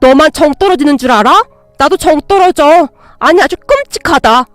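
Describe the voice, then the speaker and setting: A woman's voice: sits high, sing-song, normal speed, dry recording, soft background music. A woman doing a bickering young husband. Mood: angry. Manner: bickering, snapping, then pleading. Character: quarrelsome young husband, petulant and defensive.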